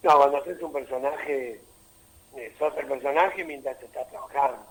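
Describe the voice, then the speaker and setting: An older man with an Argentine Rioplatense accent, an actor and comedian chatting as a guest in a radio interview. He talks in a relaxed, playful way and drops quick asides. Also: medium pitch, low-quality recording.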